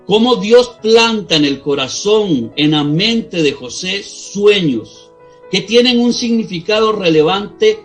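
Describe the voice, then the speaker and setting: A man's voice: high-pitched, animated, slow. Costa Rican pastor preaching, earnest man. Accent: Costa Rican Spanish. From Costa Rica. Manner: earnest, addresses listeners as beloved brother. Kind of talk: sermon. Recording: faint music behind the voice.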